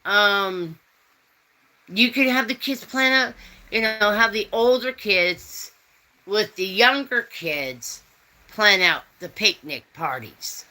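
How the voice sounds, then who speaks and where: Female host, fifties, slow and bright, folksy chat. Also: medium pitch, animated, rough recording. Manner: rambling, folksy, reads out chat comments. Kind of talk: casual chat.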